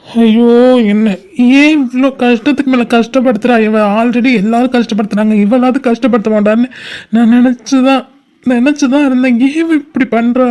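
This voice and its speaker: A voice actor playing a heartbroken, emotional young man in an animated comedy-drama, talking in a distressed, pleading way. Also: high voice, fairly quick, close to an everyday voice. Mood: distraught. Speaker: cartoon character.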